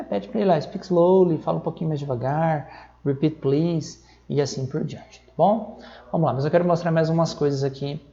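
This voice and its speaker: A Brazilian man teaching English numbers in a recorded lesson, explaining step by step and reading the numbers out slowly, often checking in with a quick "tá?". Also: a little high, gravelly, warm tone, muffled recording. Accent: Brazilian Portuguese. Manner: checks in with frequent "tá?".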